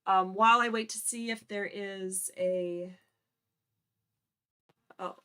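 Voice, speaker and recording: A woman's voice: mid-range voice, steady tone, slow, bright, forceful tone, smooth. Chatty woman hosting a live call-in. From Upper Peninsula of Michigan. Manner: chatty, informal, thinking aloud. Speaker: host of a live legal call-in show. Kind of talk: casual live-stream chat.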